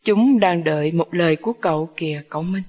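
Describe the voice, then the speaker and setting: A woman's voice: lowish voice, brisk, a little mellow, husky, big-room sound, pitched below the performer's own voice. A woman voicing a cold, bitter old grandmother who speaks in an icy, commanding way. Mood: cold, contemptuous.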